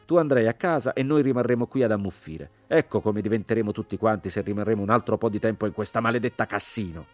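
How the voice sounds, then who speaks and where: Male reader doing hostile army sergeant: raised, contemptuous, low voice. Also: moderate pace, darkish tone, breathy edge, dry recording, faint music behind. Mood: bitter. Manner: scornful, raised and pushy. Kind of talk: audiobook character reading.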